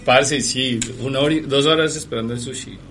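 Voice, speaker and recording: A man who does stand-up, co-hosting a relaxed, laughing comedy chat. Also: mid-range voice, brisk.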